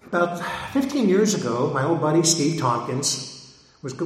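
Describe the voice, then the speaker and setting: A man giving an informal talk to an audience as a pulp fiction collector and reprint editor, rambling and digressive with many hesitations. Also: medium pitch. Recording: echoey hall with long reverb.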